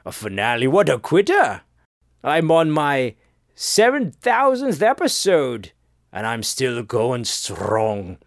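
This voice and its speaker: A man's voice: medium pitch, huge pitch swings, takes it slowly, no room sound, clean studio sound, pitched below the performer's own voice, full character voice. A man playing a pompous, snobbish upper-class male radio host who speaks in an affected posh drawl. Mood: haughty. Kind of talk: comedic character monologue.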